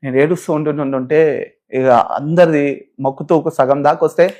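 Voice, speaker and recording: A man's voice: fairly high pitch, steady tone, moderate pace, darkish tone. A man with a Telangana Telugu accent, a pastor telling his own story as a guest in an interview. He relates it with feeling and acts out the voices of the people he quotes. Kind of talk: emotional personal testimony in an interview.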